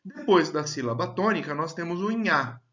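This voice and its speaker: A man teaching a grammar lesson, speaking slowly and deliberately and drawing out example words. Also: on the high side, expressive, a bit bright, a little hiss or hum. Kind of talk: slow, clear grammar lesson. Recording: dull, lo-fi sound.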